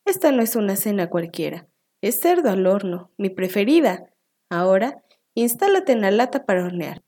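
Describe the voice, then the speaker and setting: A woman's voice: mid-range voice, very animated, normal speed, dark tone. A woman voicing a hungry, sly male fox who growls and gives orders in a storybook reading. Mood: gruff, greedy. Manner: growling, bossy.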